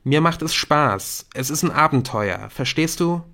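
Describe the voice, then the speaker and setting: In this audiobook character voice, a male reader plays a defensive schoolboy obsessed with a secret game, shrugging off a friend's concerns in a dismissive mood. The voice is high, expressive and exaggerated, pushed and bright above his natural pitch, delivered at a measured pace.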